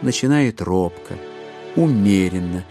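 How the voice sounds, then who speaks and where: With a low male voice, an actor narrates a classic novel wryly in an audio drama. His phrasing is deliberate and expressive, full of ironic relish, and faint music plays behind him.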